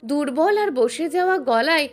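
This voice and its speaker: A woman reading out a family drama story in a steady, measured storytelling voice. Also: high voice. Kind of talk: scripted narration.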